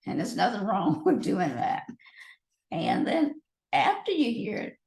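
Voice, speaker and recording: A woman's voice: mid-range voice, huge pitch swings, a little slow, vocal fry, a little mellow. A woman co-teaching a faith-based marriage class, giving practical advice on listening and communication. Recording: echoey room.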